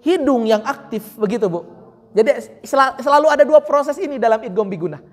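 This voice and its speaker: A woman teaching Quran recitation, patiently correcting a student and slowly demonstrating sounds. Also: on the high side, lively intonation, long reverb tail. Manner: drawn-out chanted example words. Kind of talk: online recitation correction lesson.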